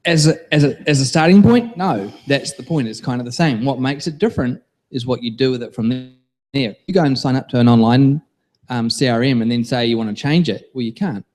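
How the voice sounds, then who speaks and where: A man's voice: mid-range voice, fairly quick, a little mellow. New Zealand man explaining his product. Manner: repeats words as he explains, earnest. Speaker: guest business owner.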